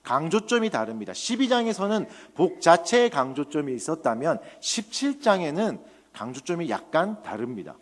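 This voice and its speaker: Male trainee pastor, fairly high voice, sermon laced with jokes and rhetorical questions, long church reverb. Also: sing-song, moderate pace.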